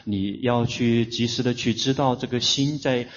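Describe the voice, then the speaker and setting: A man interprets a teacher's words at a very slow, deliberate pace, hesitating and restarting mid-sentence. His voice sits in a middle register. The recording is dull and lo-fi. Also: medium pitch, fairly even intonation, slight background noise. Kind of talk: consecutive interpreting of a dharma talk.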